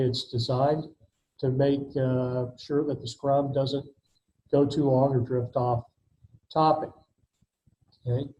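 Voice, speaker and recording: A man, an adjunct professor, giving a recorded online lecture and filling his pauses with "okay" and "uh". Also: medium pitch, dark tone. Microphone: video call mic. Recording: dull lo-fi video call audio with faint noise.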